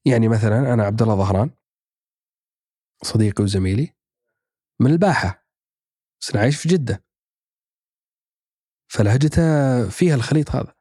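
A man's voice: mid-range voice, a little fast, pauses often, warm tone, slightly rough, no echo, studio quality. A man, chatting casually as a podcast guest, thinking aloud with many fillers and restarts. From Saudi Arabia. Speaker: podcast guest, actor and writer. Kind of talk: casual chat.

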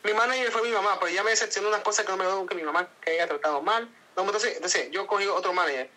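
A man's voice: high voice, rapid-fire, pushed and bright, poor audio. A man with an Ecuadorian accent, a guest in a casual interview, talking in an earnest, rambling way with frequent restarts.

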